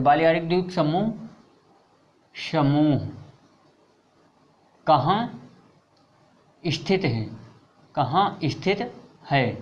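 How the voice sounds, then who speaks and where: A man with a high, light voice leads an exam-prep lesson at an unhurried pace. He spells out the answer choices one word at a time. He repeats each key term again and again, sinking lower on each repeat. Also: muffled recording. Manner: repeats key words several times, dropping low on them; reads out options slowly, word by word. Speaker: exam coaching teacher.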